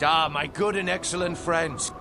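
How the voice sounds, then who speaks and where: Man playing proud, high-voiced warrior prince Rurik. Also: steady tone, normal speed, noisy background, lightly acted. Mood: friendly, resolute. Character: proud, defiant human prince leading refugees. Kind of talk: video game cutscene acting. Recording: loud music behind. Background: loud music.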